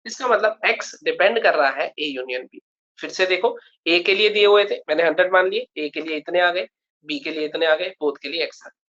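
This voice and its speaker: A man's voice: high voice, normal speed, bright, forceful tone, muffled recording. A male math teacher giving a live online lecture, explaining a problem step by step and often checking that students follow.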